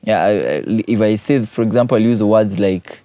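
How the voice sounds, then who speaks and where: Mellow-voiced teacher explaining. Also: male voice, fairly low pitch, moderate pace, no room sound. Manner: patient, explanatory, repeats key points. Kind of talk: exam revision explanation.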